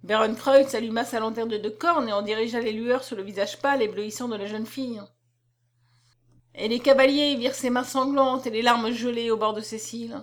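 A woman narrating a novel aloud in an expressive, dramatic reading. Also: a little high, moderate pace.

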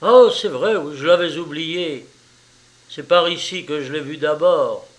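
A man doing a bold gentleman burglar, brisk and raised. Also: fairly high pitch, sing-song, pitched above the performer's own voice. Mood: urgent.

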